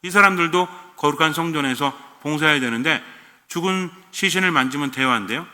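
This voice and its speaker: A male priest preaching a homily in a bright, forceful voice. He talks with his listeners more than at them, firing off questions and slipping into blunt everyday speech. The sound carries a long echo, as if in a large church. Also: fairly high pitch, a little fast. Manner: conversational, asks the congregation questions; switches to blunt casual speech for emphasis.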